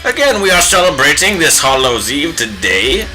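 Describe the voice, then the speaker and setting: A man's voice: fairly high pitch, sing-song, bright, forceful tone, faint music behind, exaggerated voice, rough recording. A man playing a pompous bearded old wizard with a put-on British accent, hamming it up while he paints live. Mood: grandiose. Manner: hammy, drawn-out theatrical wizard speech.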